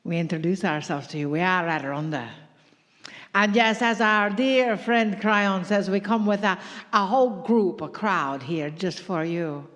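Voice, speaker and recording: A woman's voice: on the low side, a little slow, fairly bright tone, in a large hall. A woman voicing a playful, affectionate spirit collective speaking to a live audience in a large room. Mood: grand. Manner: playful, laughing, addresses crowd as dear ones. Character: group spirit channeled, playful, grandly affectionate. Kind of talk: channeled message to a live audience.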